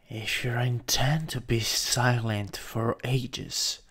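Whispering at times into a nearby USB microphone, a man with an Italian accent improvises a slow ASMR roleplay as a cruel vampire master mocking his servant. His mid-range, slightly bright full character voice is breathy, husky and gravelly, coldly menacing, drawn-out and condescending.

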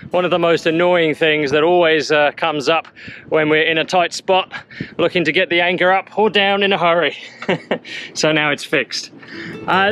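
A man with a high voice narrates a sailing vlog in an easygoing way, explaining things with relaxed fillers. He speaks as the boat's captain. Faint music sits behind him. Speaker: boat captain.

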